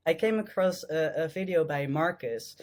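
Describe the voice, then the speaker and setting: A man in his thirties with a Dutch accent is a guest in a casual interview, speaking English as a second language. His voice is fairly high but darkish in tone, and his phrasing is halting and hesitant, full of fillers and restarts.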